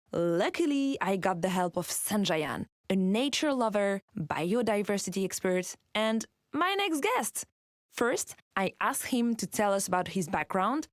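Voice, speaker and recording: A woman's voice: medium pitch, dry recording. Female podcast host, scripted narration, mid-range voice, dry close recording.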